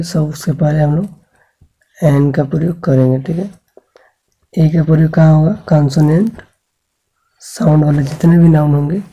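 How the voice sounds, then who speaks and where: Teaching English grammar to schoolchildren, this man has a fairly high, warm, slightly rough voice, and the recording has its highs cut off. He spells out sounds patiently, keeps checking on the class, and poses questions he then answers himself.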